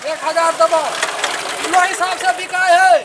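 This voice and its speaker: A man's voice: very high-pitched, flat delivery, a little slow. A man with a Bihari accent playing a haggling village scrap dealer in an amateur comedy skit. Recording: faint outdoor background noise.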